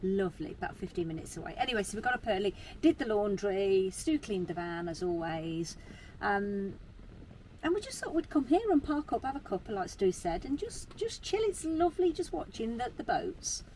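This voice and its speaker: A woman's voice: mid-range voice, sing-song, normal speed, darkish tone. A British woman vlogging in casual, chatty talk full of informal slang. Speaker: travel vlogger. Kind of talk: casual chat to camera. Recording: noisy location sound with ambience.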